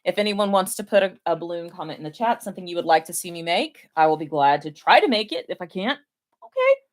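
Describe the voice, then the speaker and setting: A woman's voice: lowish voice, expressive, fast talker. A woman with a Tennessee accent chatting casually and playfully as she streams balloon twisting, often poking fun at herself. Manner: self-deprecating, playful. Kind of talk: casual live craft chat.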